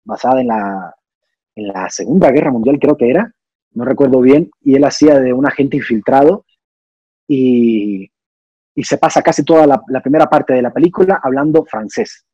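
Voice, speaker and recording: A young man from Cuba speaks in a casual interview. His voice is dark and husky, and he explains his ideas thoughtfully, with many restarts. The sound is dry and a little dull. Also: medium pitch, normal speed, no room sound. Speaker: actor and singer, interview guest.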